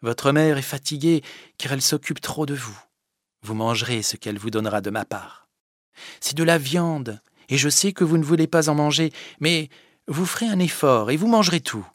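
A man's voice: fairly high pitch, animated, normal speed, no room sound, clean studio sound, voice pushed up, lightly acted. A man reading an audiobook, voicing a stern, commanding young village girl who scolds firmly. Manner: firm, scolding, then gentle. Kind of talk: audiobook character voice.

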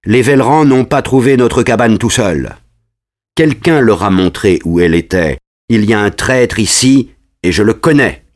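A stern young gang leader, read by a man in his own voice. He speaks in a firm, commanding way at an ordinary male pitch, accusing and giving orders. It sounds like an audiobook character read plainly. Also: expressive, normal speed, lightly acted.

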